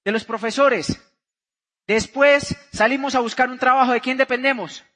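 High-voiced Colombian man telling stories from a stage. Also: normal speed. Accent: Colombian, Santander. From Santander, Colombia. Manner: animated storyteller, asks the crowd questions. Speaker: motivational speaker. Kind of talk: motivational seminar talk to a live audience.

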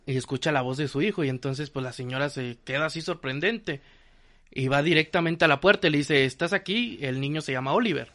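A man's voice: a little high, fairly quick, fairly bright tone. A man retelling a horror film casually, rambling with lots of fillers and restarts. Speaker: film recap host.

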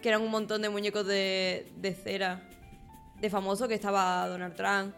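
A woman's voice: medium pitch, level tone, moderate pace, creaky, a bit bright, smooth, faint music behind. Chatty woman telling gossip. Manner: chatty storyteller, many fillers. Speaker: podcast co-host. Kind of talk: casual chat.

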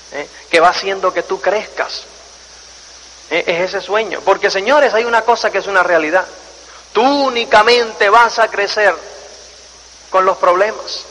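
A man giving a lively motivational talk to an audience, acting out little scenes and repeating lines for emphasis, asking the listeners questions. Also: high voice. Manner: animated storytelling, acts out scenes and voices. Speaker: motivational speaker. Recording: long hall reverb, faint noise.

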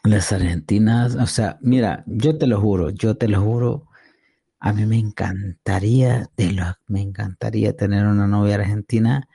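A man with a Central American accent hosting a podcast, teasing in slow, emphatic, repetitive casual chat. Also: fairly low pitch, fairly even intonation, vocal fry, dark tone, breathy edge, dry recording. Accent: Central American Spanish. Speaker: podcast host.

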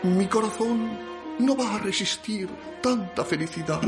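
Cartoon suitor: gushing, melodramatic, lovestruck, under loud music. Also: male voice, high voice, unhurried. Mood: swooning. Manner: overblown melodramatic wooing. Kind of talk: cartoon film acting.

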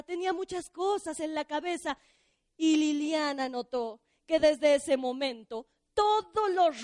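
Lively high-voiced storyteller. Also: female voice, no room sound, clean studio sound. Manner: animated, addresses the audience, asks questions. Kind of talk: live children's story reading. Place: bookstore.

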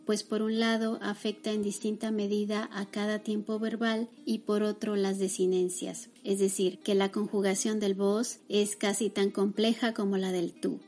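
Woman slowly spelling out grammar examples. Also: medium pitch, a little mellow. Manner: slow, careful enunciation of example words. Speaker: podcast host and Spanish teacher. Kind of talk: scripted grammar lesson.

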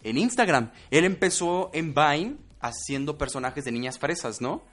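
Mexican male host, animated playful chatter, faint music. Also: fairly high pitch, normal speed. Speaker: podcast host. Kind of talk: casual podcast chat.

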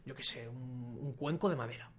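A man co-hosting a podcast in casual chat. He talks in an animated way and mimics other people's voices. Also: medium pitch, moderate pace, breathy edge. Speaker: podcast co-host.

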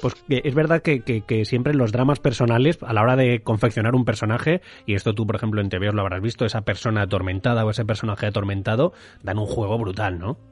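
A man with a Spanish accent from Madrid, chatting casually as a podcast co-host, chatty and quick to laugh, often tossing in agreeing questions. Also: on the low side, fairly even intonation. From Madrid, Spain. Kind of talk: casual chat.

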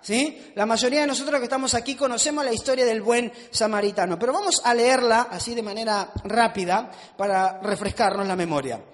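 High-voiced male preacher, reverberant hall. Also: a little fast, few pauses. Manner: conversational, asks the audience questions; self-mocking humor. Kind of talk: sermon.

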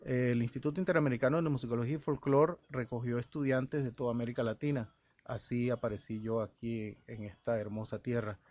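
Man, from El Salvador, radio interview guest, halting with fillers, mid pitch, dull lo-fi broadcast sound. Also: steady tone, darkish tone, no echo. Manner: halting, with many fillers and restarts. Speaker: guest musician and researcher. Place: radio studio.

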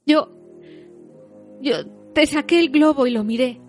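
Lady reading a story and doing a scared little hobbit, stammery, voice pushed way up high. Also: normal speed, soft background music, natural voice. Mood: frightened pleading. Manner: stammering, breathless pleading. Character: hobbit boy, frightened and stammering.

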